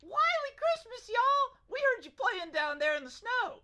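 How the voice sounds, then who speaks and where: Casting: perky elf sidekick, very high, bouncing, folksy holiday comedy. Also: female voice, big pitch swings, a little slow, pushed and bright, heavily acted. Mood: perky, excited.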